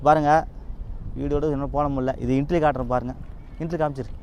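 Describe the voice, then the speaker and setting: Earnest fast-talking man pleading outdoors. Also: a little high, steady tone, darkish tone, slight background noise. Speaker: used car dealer. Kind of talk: emotional direct-to-camera appeal.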